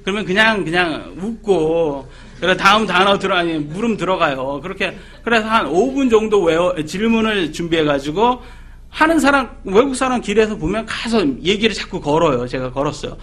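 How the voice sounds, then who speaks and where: A middle-aged man preaching a sermon, animated, questioning his listeners and acting out quoted people. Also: high-pitched, normal speed. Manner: animated, asks the audience questions; acts out quoted people in voices.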